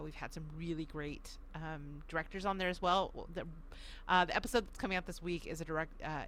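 A woman's voice: deep voice, sharp tone, a little hiss or hum. A woman guest on a podcast, chatting casually and animatedly, laughing often.

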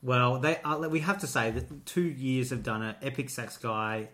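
A man's voice: mid-range voice, steady tone, normal speed, fairly bright tone. Male co-host, North Queensland accent, chatty and jokey, casual delivery, mid-range voice. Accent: North Queensland Australian. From North Queensland, Australia. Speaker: co-host of a Eurovision show. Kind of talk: casual chat.

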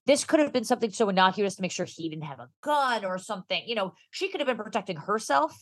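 A woman's voice: mid-range voice, animated, quick pace, dry recording, studio quality. A woman co-hosting a true-crime podcast, moving between conversational commentary and storytelling read from notes.

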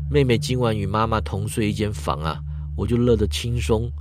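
A man telling a bedtime ghost story in a hushed, suspenseful way. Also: lowish voice, brisk. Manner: hushed and suspenseful, trailing particles. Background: music.

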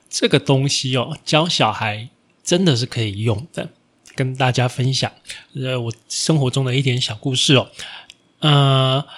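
A man hosts a podcast, his voice sitting at a middle pitch for a man. He tells a family story in a relaxed, chatty way, dotting his lines with fillers and soft particles. Now and then he raises his voice to act out how he scolded his son. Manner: chatty, many fillers and sentence-final particles; acts out his own stern scolding in a raised voice. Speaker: podcast host. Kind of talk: casual storytelling monologue.

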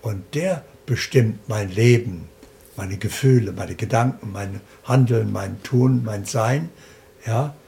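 Gravelly, deliberate man explaining. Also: on the low side, dark tone. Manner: slow, deliberate, explaining in lists. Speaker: interview guest. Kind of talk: calm spiritual interview talk.

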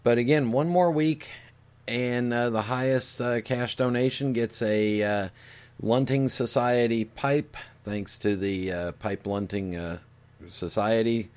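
A man with a gravelly voice hosting a show as a casual monologue, in a halting, folksy way. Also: mid-range voice, steady tone, darkish tone. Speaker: radio show host.

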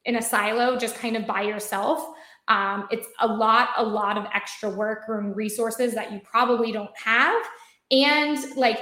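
A woman from the United States, there as a marketing guest in a conversational interview, explains her work in relaxed, rambling talk, restarting sentences and leaning on "like" and "um." Her American-accented voice sits slightly high, and the roomy recording has a noticeable echo.

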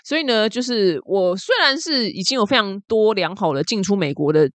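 Brief: woman, quick and blunt chatty host, with a dry close sound. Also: medium pitch, lively intonation, no echo. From Taiwan. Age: 40s. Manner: chatty, blunt, storytelling with asides. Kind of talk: casual news commentary vlog.

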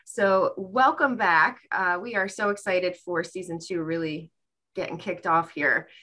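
A woman's voice: on the low side, fairly even intonation, a little slow, sharp tone. A woman with an American accent hosting a podcast in an upbeat, enthusiastic, chatty style. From United States. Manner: effusive, enthusiastic. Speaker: podcast host.

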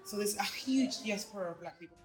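A woman's voice: medium pitch, brisk, faint music behind. A woman with a slight Argentine accent who grew up in Argentina, chatting animatedly in a busy museum exhibit. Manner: animated, explanatory. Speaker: museum visitor interviewee. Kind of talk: casual chat. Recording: echoey hall with crowd.

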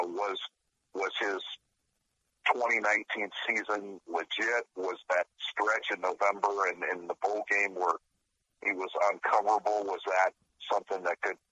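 Man, radio interview guest, forceful delivery, somewhat low pitch. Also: husky, dry recording, lo-fi sound. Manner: earnest, detailed analysis. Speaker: guest sports reporter.

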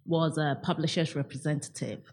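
A woman with a low voice answers interview questions in an unhurried, thoughtful way. Her speech is broken by pauses and small fillers. A faint ambient noise sits behind her. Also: steady tone, a little mellow. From Ghana. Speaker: guest. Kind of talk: interview conversation.

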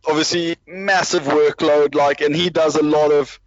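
A man's voice: fairly high pitch, little pitch movement, moderate pace, no echo. Rambling man, muffled audio. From South Africa. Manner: rambling, self-deprecating, many restarts. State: parent with a baby nearby. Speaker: rugby podcast panelist. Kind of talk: casual chat.

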